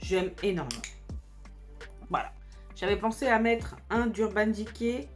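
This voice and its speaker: Against soft background music, a woman beauty vlogger chats casually while doing her makeup, her mid-range voice expressive and unhurried. She's enthusiastic and talks directly to her viewers throughout this tutorial.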